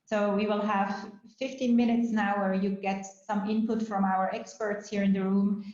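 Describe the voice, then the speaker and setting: A woman's voice: mid-range voice, flat delivery, moderate pace, darkish tone. A woman moderates an online workshop over a video call, walking people through the steps with plenty of um fillers. Her voice sits in a roomy space, and the audio is a little dull. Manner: orderly, explains steps with frequent um fillers.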